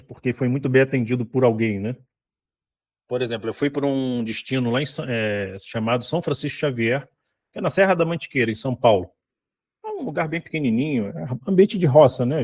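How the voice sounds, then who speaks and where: A man giving a conversational lecture at a hospitality conference, often adding tag questions. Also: mid-range voice.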